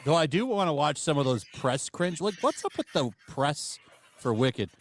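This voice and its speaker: A man's voice: fairly high pitch, very animated, moderate pace, a little hiss or hum. A man hosting a casual live-stream panel chat, blunt and joking, laughing often. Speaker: stream host.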